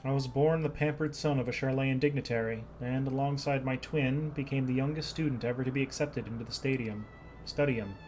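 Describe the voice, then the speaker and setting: A man's voice: medium pitch, fairly even intonation, fairly quick, darkish tone, slight background noise, lightly acted, rough recording. A man reading as an earnest young noble scholar. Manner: plain earnest reading, small stumbles. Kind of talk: reading game dialogue aloud.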